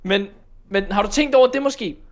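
Rambling young man gaming. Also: sits high. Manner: rambling, hesitant, full of fillers, bursts into excited shouts. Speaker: co-host of a gaming channel. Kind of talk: Minecraft let's play with role-play.

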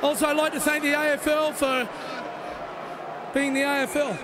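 An Australian man giving a halting speech on a stadium ground into a microphone. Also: extremely high pitch, flat delivery. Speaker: presenter at trophy ceremony. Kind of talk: public speech. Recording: crowd and stadium noise behind.

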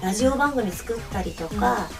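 A woman with a high, cute, girlish anime-like voice, telling personal stories casually as an interview guest. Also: lively intonation, normal speed, vocal fry, far from the mic. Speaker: guest, chanson singer and stage performer. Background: background music.

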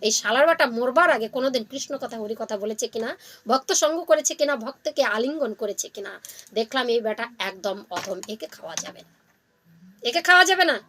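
A woman's voice: on the high side, a little fast, fairly bright tone, natural voice. A woman voicing a stern, judgmental elder male jackal in a devotional story, scolding and moralizing.

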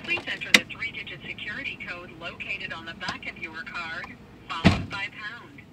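A man's voice: high voice, normal speed. Automated male phone menu, spliced prompts. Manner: scripted, even menu reading. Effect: spliced-together recorded prompts. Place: car, played over a phone. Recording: distant noisy phone speaker in a car.

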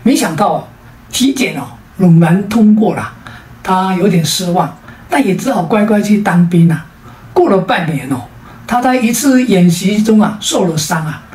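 A woman's voice: mid-range voice, animated, normal speed, a little mellow, echoey room, distant mic. A woman with a Taiwanese Mandarin accent telling jokes in a sing-song storytelling way, drawing out sentence-final particles. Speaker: joke teller. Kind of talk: storytelling comedy.

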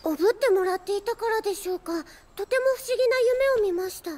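A woman's voice: very high-pitched, fast, darkish tone, distant mic, soft background music. A woman voicing a childlike, earnest anime schoolgirl who talks in a polite, dreamy, cutesy way. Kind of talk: Japanese anime acting.

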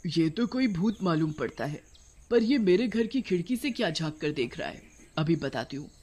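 A woman's voice: fairly low pitch, animated, normal speed, a little mellow, husky. A woman voicing a young woman turned witch in a cartoon story, tearful and fiery by turns. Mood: bold. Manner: tearful, then scolding and fiery.

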